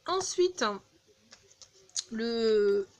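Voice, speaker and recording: Woman, slightly high voice, unhurried and halting, casual haul chat, phone mic with faint noise. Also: animated. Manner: chatty, halting, frequent restarts and fillers. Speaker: beauty vlogger.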